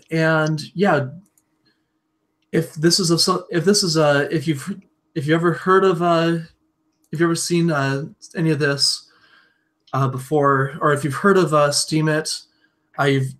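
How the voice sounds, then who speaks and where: A man with a slightly high voice plugs his online group during a casual stream chat. His delivery is upbeat and loose, with frequent "uh" and restarts. He sounds keen but unpolished. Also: fairly bright tone. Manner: upbeat self-promotion, loose phrasing. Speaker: podcast guest.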